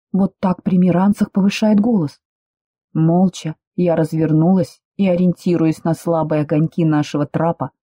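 Dark, husky woman reading a novel. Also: lowish voice, no room sound, studio quality. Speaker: audiobook narrator. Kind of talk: first-person novel reading.

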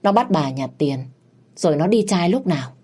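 A woman's voice: on the low side, expressive, moderate pace, mellow, husky. Woman reading a reproachful old husband.

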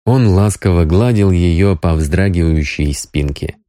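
Mellow male audiobook narrator. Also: sits low, unhurried, no room sound, studio quality. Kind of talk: scripted narration.

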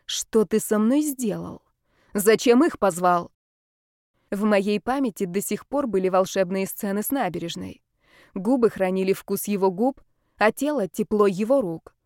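A woman narrating a first-person audiobook in an expressive, dramatic way. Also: mid-range voice, no room sound, studio quality.

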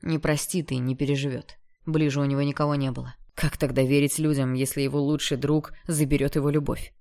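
An audiobook narrator giving a steady, expressive reading of a novel. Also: mid-range voice, fairly quick.

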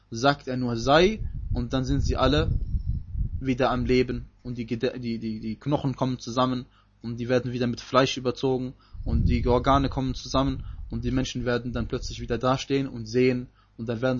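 Male Quran teacher, husky tone, emphatic explainer, dull lo-fi audio. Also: mid-range voice. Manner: explanatory, emphatic, recites Arabic verses. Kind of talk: Quran commentary lesson.

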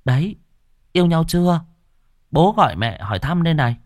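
A man's voice: on the high side, very animated, a little fast, no room sound, voice pushed up. A playful young woman from a spoken ghost story, as a male narrator voices her, lightly teasing. Her voice sits somewhat raised, with a dry, close sound. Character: cheerful teasing young adult daughter.

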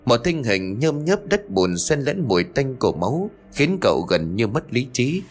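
A man narrating a ghost story in a suspenseful, expressive way, with faint music behind. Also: medium pitch, moderate pace, breathy edge.

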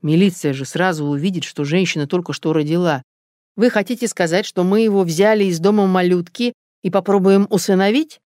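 Reader doing a scared young guy, shaky and a bit hoarse, audiobook voice, dry close sound. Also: mid-range voice, brisk, darkish tone, no echo, natural voice. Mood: protesting. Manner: shaken, hoarse. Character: frightened young man, panicky.

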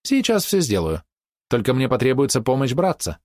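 A man's voice: medium pitch, wildly swooping pitch, normal speed, a little mellow, no echo, clean studio sound, pitched above the performer's own voice. A man voicing a sardonic, laid-back young woman engineer who drawls snarky replies.

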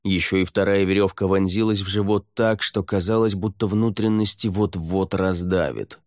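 A man reading fantasy narration in a steady, measured way, close to the mic. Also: deep voice, dry recording. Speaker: audiobook narrator. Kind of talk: scripted narration.

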